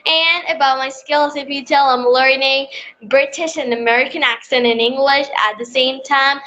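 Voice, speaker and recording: A young speaker from Bangladesh, still in school, eagerly hosting an English conversation practice call. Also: female voice, high-pitched, steady tone, normal speed, bright, forceful tone, highs cut off, a little hiss or hum. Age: child in sixth class. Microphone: online call.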